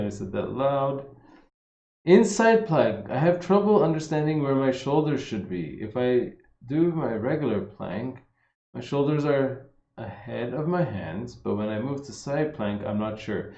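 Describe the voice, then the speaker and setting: Male fitness coach, casual livestream Q&A, relaxed and chatty, roomy lo-fi sound. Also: medium pitch, unhurried. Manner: laid-back, says "man" and "like" a lot, reads questions aloud. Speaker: fitness coach answering viewer questions. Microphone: streaming setup. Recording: roomy, slightly dull livestream audio.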